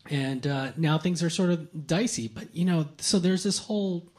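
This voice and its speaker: A man's voice: a little high, moderate pace, darkish tone. A man co-hosting a casual tech news chat, explaining gadgets with lots of fillers and restarts.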